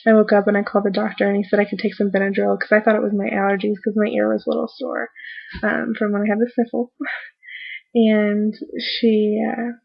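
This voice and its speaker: Gravelly, tired woman recovering from surgery. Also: mid-range voice, flat delivery, lo-fi sound. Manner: halting, trailing off mid-thought. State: tired and sore after recent surgery. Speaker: vlogger giving a post-surgery update. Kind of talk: casual rambling video diary.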